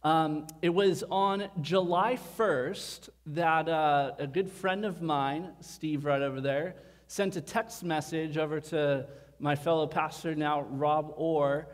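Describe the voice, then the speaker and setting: Pastor booming in an echoing tunnel. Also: male voice, fairly even intonation, slow. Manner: casual, conversational preaching. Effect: echoing tunnel-like sound through the church speakers. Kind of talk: sermon. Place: church building. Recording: echoey hall sound.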